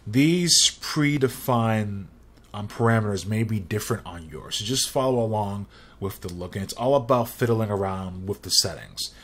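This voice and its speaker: A young man hosting a screen-recorded software tutorial, talking casually and rambling, often restarting his phrases. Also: fairly low pitch, animated, normal speed.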